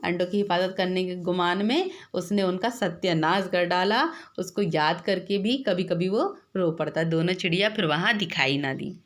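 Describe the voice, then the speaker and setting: A woman teacher reads a school story aloud and pauses often to explain the words to her students. Her voice is bright and clear, and she keeps checking in with them as she goes. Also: medium pitch. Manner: breaks off the reading to explain words, asks "hai na?".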